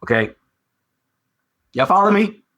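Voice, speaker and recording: A man hosts a sports talk show in a loose, conversational way, hammering his points home by repeating them. His voice sits a little high for a man, and he lets it rise and fall freely as he riffs. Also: measured pace. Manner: animated, repetitive, conversational slang. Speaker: podcast host.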